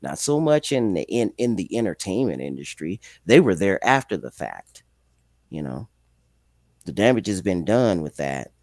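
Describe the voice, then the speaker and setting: A man with a deep, low voice talks laid-back in street slang, swearing easily as he holds forth. The sound is dry and close-miked. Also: big pitch swings, normal speed, darkish tone, dry recording. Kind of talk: casual chat.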